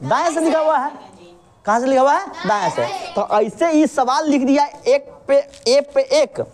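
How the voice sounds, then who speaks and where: A woman teacher with a lilt walks a student through a reasoning lesson. Her pitch swings widely as she drills with call-and-response, asking again and again whether there is any problem. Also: animated, moderate pace, darkish tone. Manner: patient, keeps checking understanding with repeated questions.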